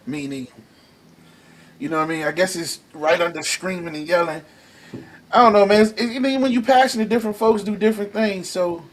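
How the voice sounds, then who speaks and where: A man hosting a casual relationship talk show, reading viewer comments aloud and talking in a loose, excitable way that gets loud when he makes a point. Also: on the high side. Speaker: podcast host reading live comments. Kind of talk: casual chat.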